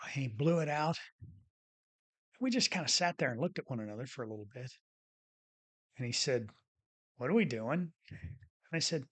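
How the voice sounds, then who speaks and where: A man's voice: medium pitch, husky. A man who left medicine and now hosts a show, telling a story from his clinic in a folksy way and acting out both sides of the conversation. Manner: folksy, re-enacts dialogue with lively voiced quotes. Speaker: former physician turned coach and show host. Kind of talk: storytelling talk.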